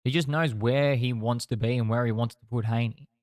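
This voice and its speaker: A man's voice: mid-range voice, steady tone, fairly quick, darkish tone, no room sound. A man with a mid-range voice, recorded dry and close. He gives casual, chatty fight commentary in a blokey, sweary way. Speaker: boxing watch-along podcast host.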